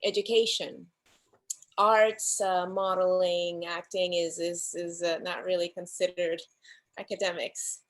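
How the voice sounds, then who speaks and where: A woman guest from the Dominican Republic, chatting casually about her life in an interview over a video call, animated and often laughing. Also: lowish voice, a little slow, rough recording. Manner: animated storyteller, laughs often, acts out voices. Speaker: guest actress.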